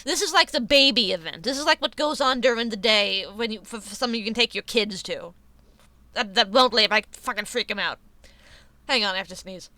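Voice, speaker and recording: A woman's voice: medium pitch, brisk, pushed and bright, dry recording. A woman chatting casually on a live stream, rambling, swearing freely and laughing often, with a runny nose.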